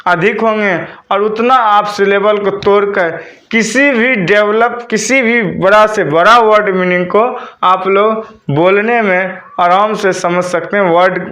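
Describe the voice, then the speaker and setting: Slow, high-voiced man teaching a class. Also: a bit bright. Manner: slow, repeats questions to the class and spells words letter by letter. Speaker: English teacher. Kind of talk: classroom lesson. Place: classroom with a board.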